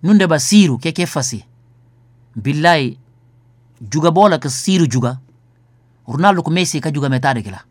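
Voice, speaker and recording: A man's voice: on the high side, lively intonation, normal speed, pauses often, no echo. Rambling man on radio, dry sound.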